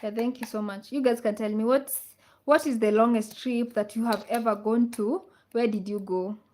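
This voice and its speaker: A woman's voice: fairly high pitch, fairly even intonation, normal speed, a little mellow. A woman from Kenya hosting a casual livestream, reading out viewer comments and repeating her questions to the audience. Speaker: livestream host. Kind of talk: casual live chat with viewers.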